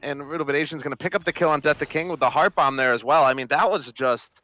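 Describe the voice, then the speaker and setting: A man's voice: a little high, fast talker, pushed and bright. A man doing casual esports play-by-play commentary, rambling with fillers and restarts. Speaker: esports caster. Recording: music bed behind voice. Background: game music.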